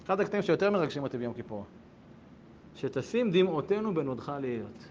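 Animated high-voiced man teaching a lesson. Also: dull audio. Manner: animated, rhetorical questions, swings between hushed asides and loud bursts. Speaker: rabbi teaching a class. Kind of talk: Torah lesson to a group.

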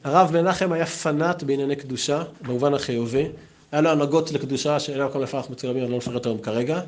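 A man giving an anecdotal memorial talk as a yeshiva teacher, telling stories in a lively way. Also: mid-range voice. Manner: lively, storytelling, acts out quotes.

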